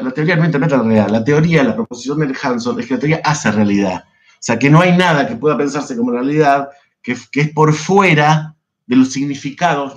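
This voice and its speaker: A man's voice: medium pitch, lo-fi sound. A man with an Argentine Spanish accent giving an online psychoanalysis lecture, discursive and constantly checking in with his listeners. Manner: discursive, peppered with checking questions. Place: home, online class.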